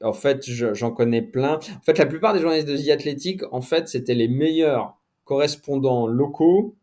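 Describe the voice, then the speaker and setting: Middle-aged male journalist guest, relaxed dark tone, halting casual delivery. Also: mid-range voice. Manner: hesitant, many fillers and restarts. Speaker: sports journalist, podcast guest. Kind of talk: casual conversational interview.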